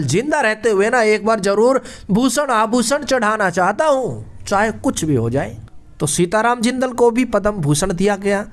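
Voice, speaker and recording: High-voiced punning quiz teacher. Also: male voice. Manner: playful punning, chatty repetition. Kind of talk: casual exam-prep lesson.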